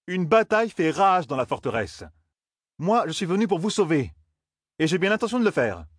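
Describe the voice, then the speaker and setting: A man's voice: high voice, big pitch swings, moderate pace, dry recording, studio quality, voice pushed up, exaggerated voice. A man reading an audiobook, voicing a brash young man who curses and grumbles sarcastically. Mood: exasperated. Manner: gruff, cursing, sarcastic.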